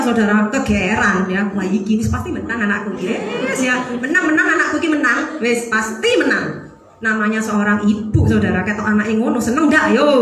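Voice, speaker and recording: A middle-aged woman with an East Javanese accent, preaching a sermon and telling a personal story in a lively, animated way. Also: sits high. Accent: East Javanese (Surabaya). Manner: animated, lively, mixes in Javanese phrases, laughs while telling. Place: church hall. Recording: very echoey church hall.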